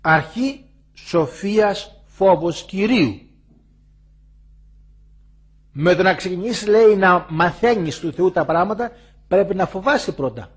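An older man, a monastic elder, giving a spoken sermon full of rhetorical questions and emphatic repetition, with a husky voice. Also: sits high, expressive.

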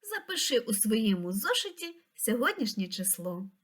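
A woman reading a scripted lesson for young children, pronouncing each word slowly and clearly. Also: a little high, sing-song, fairly bright tone. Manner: slow, clear, pronouncing words syllable by syllable. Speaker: teacher.

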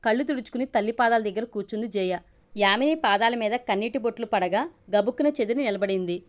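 A woman reads a family story aloud as an audiobook narrator. Her voice is a little high, and she keeps a steady, measured pace through the narration.

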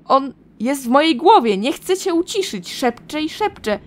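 Woman voicing a frantic game madwoman, high shrill voice, pleading and raving at volume. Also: sing-song, a little slow, darkish tone. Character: frantic madwoman clutching a cursed jar.

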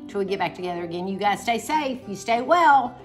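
A woman's voice: mid-range voice, animated, brisk, music in the background. A middle-aged woman, chatting casually as a cooking vlog host, laughing and searching for words. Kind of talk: casual chat.

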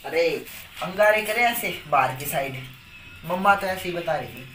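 A man's voice: on the high side, expressive, normal speed, sharp tone, a little hiss or hum. A young man, chatting casually on a family vlog and coaxingly pleading and apologizing over and over. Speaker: vlogger.

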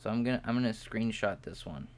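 A man's voice: lively intonation, fast talker. A young man streaming live, rambling and joking at himself as he talks to his viewers while he models in 3D. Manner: yawning, low-key late evening.

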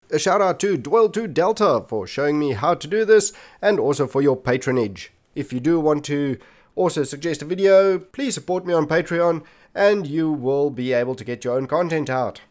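In a slightly high, somewhat mellow voice, a man hosts a tech tutorial and gives viewers step-by-step instructions directly as he works on his computer. The narration feels scripted and was recorded indoors on the desktop computer's microphone.

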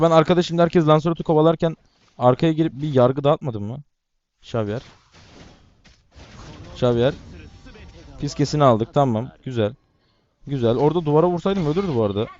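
A man giving casual, excitable commentary while playing a mobile game, talking to his teammates and to viewers. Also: on the high side, dull audio. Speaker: gaming YouTuber.

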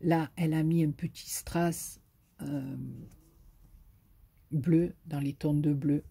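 A woman with a southern French accent chats casually to camera as she shows the greeting cards she received. Her voice is mellow and a little breathy, and she is effusive, piling on fillers as she goes. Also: deep voice, steady tone, takes it slowly. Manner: chatty and effusive, with many fillers. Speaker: YouTuber showing greeting cards.

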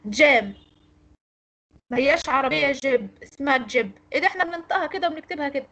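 A woman's voice: high-pitched, expressive, racing, sharp tone. An Egyptian woman teaching English pronunciation in an online lecture, explaining and correcting students. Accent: Egyptian Arabic.

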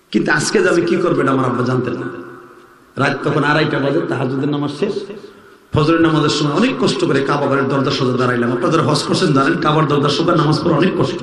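Man, sermon, fairly high voice, sing-song wailing delivery, echoey open-air PA. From Bangladesh. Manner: emotional, sing-song preaching, calling out to the crowd. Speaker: preacher. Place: outdoor religious gathering.

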